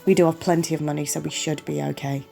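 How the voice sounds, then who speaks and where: Over music, a woman with a low, gravelly voice talks at a quick, steady clip. She's a gaming channel host with a cold, sniffling and losing her voice as she chats through a farming game in a relaxed let's-play, apologising along the way and walking viewers through each step.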